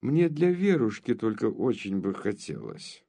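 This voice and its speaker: A man reading an audiobook voices a polite, deferential young officer who speaks softly. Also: on the low side, very animated, a little slow, vocal fry, full character voice.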